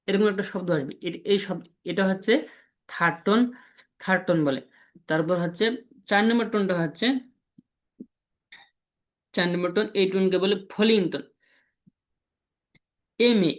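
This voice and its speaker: Patient man teaching a lesson. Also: high-pitched. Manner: patient, repeats example syllables slowly. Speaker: language teacher. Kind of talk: explanatory lesson.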